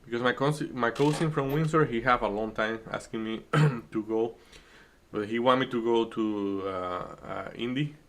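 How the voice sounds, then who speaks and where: This mid-range voice belongs to a Dominican man, a native Spanish speaker with a Dominican Spanish accent, who hosts a live day trading stream. He keeps the chat casual and jokey, while his market commentary comes out in halting starts and restarts.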